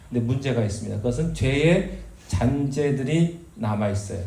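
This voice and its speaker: A pastor preaches in a church sanctuary, his voice medium-pitched and dark in tone. He tells stories conversationally, with self-deprecating humor. The recording has roomy church acoustics and faint background noise.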